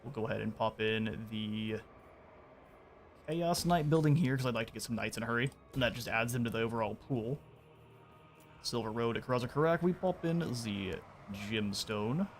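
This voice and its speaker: A man streaming a strategy game, giving relaxed, chatty commentary and explaining his moves and the game's lore as he plays. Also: medium pitch, normal speed, long pauses, a little hiss or hum. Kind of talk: casual gameplay commentary.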